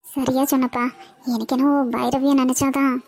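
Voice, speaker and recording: A woman voicing a gentle, caring older mother in a cartoon web series, talking softly and reassuringly. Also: high voice, level tone, moderate pace.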